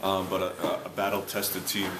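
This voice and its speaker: A man in his thirties, a hockey head coach giving a post-game interview in a locker room, recapping fast with many fillers and restarts. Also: low-pitched, monotone. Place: arena locker room, indoors. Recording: roomy locker room with clear background noise.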